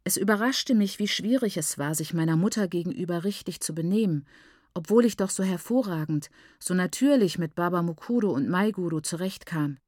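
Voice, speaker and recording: A woman reading a first-person novel aloud in a measured, clear storytelling manner. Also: lowish voice, darkish tone, no room sound, clean studio sound. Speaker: audiobook reader. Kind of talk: scripted first-person narration.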